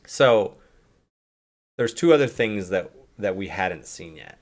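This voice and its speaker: Low-voiced man reviewing games casually. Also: expressive, takes it slowly. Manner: rambling, heavy use of "like"; talks through restarts and hedges. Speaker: streamer and host. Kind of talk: casual chat, game review.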